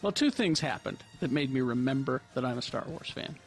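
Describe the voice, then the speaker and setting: Gravelly man in casual chat. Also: medium pitch, animated, a little fast, faint music behind.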